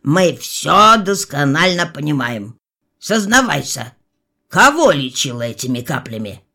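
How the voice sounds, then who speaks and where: A woman reading drops her voice for a stern, grumbling male medical assistant. He scolds in a low, firm tone. Storybook narration. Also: sing-song, measured pace, sharp tone, heavily acted.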